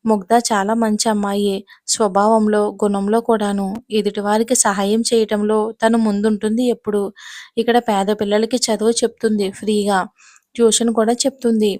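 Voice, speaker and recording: A woman's voice: mid-range voice, little pitch movement, normal speed, darkish tone, dry recording, natural voice. A woman voicing a kindly old temple priest. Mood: reassuring. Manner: kindly, reassuring. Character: older male temple priest, kindly and reassuring.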